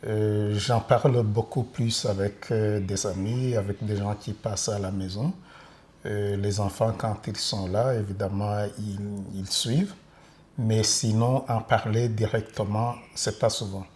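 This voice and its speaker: A man's voice: fairly low pitch, steady tone, a little slow, a little mellow, slight background noise. A man of Rwandan origin giving a hesitant testimony in an interview, with many fillers.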